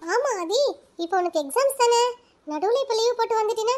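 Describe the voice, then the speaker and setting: A tearful young cartoon mother with a very high, thin voice, pleading and full of feeling, as a woman acts her out. She sounds close to tears, tender and heartfelt. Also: animated, fairly quick, a little mellow. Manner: emotional, pleading. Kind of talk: cartoon voice acting.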